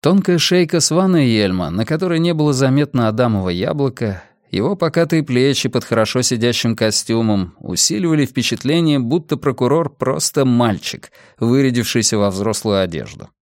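A man narrating an audiobook with expressive storytelling. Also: mid-range voice, normal speed, few pauses, dry recording, clean studio sound. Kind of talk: scripted narration.

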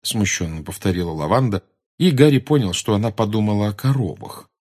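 A man with a voice on the low side narrates an audiobook, reading scripted narration in a steady, measured manner.

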